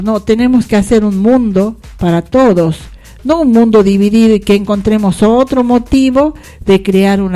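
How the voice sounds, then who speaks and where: A woman's voice: medium pitch, warm tone. A woman hosting a radio talk show, giving her opinions in broad, sweeping appeals. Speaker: radio host.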